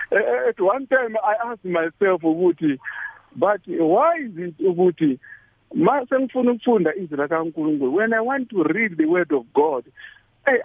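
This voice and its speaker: Male caller, South African Zulu accent, high pitch, tinny phone sound; halting, repetitive testimony mixing English and Zulu. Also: lively intonation, no room sound. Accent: South African Zulu-language. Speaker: caller to a religious radio show. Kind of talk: personal testimony, casual and conversational. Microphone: telephone.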